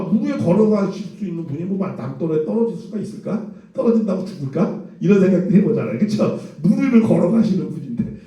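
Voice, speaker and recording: A man, a pastor, preaching a sermon in a lively storytelling way, asking rhetorical questions and chuckling. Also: fairly high pitch. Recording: echoey room from far off.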